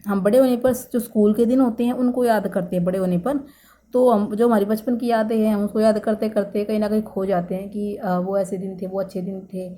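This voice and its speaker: A woman teaches exam vocabulary in a mellow, relaxed voice. She explains slowly, repeats each key word and keeps checking that the class follows, with a faint hum behind her. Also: medium pitch. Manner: explains slowly and repeats key words, with many "thik hai" check-ins. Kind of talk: exam-prep vocabulary lesson.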